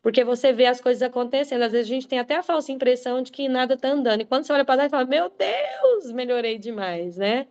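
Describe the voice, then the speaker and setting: A woman's voice: sits high, steady tone, rapid-fire, few pauses, a little mellow, clear, resonant tone. A woman giving an emphatic motivational talk in a preacherly way, speaking straight to her listeners. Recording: muffled lo-fi sound.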